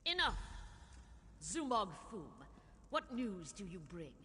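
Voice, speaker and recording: A woman's voice: on the low side, big pitch swings, a little slow, a bit bright, a little hiss or hum. An actress playing a royal, imperious, mocking and power-hungry queen in a video game. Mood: commanding. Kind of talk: video game character acting.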